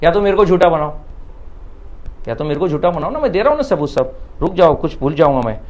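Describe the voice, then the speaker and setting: A man's voice: fairly high pitch, animated, brisk, a little mellow, muffled recording. A man with a Mumbai Hindi accent giving an emphatic, insistent on-camera statement, answering allegations and repeating his points.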